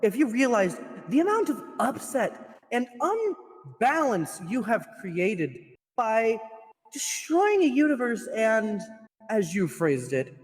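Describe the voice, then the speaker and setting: A man's voice: very high voice, sing-song, slow, faint music behind. Man with a cathedral reverb voice mod. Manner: stern, stammering, repeats words. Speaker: mock interdimensional prosecutor. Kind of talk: improvised comedic roleplay trial.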